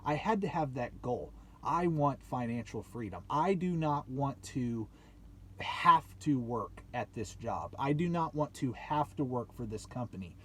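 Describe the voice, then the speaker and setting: This YouTube host, in his late twenties, delivers a motivational talk with emphasis, repetition and rhetorical questions. His medium-pitched voice is animated, pushed, bright and husky, at a measured pace.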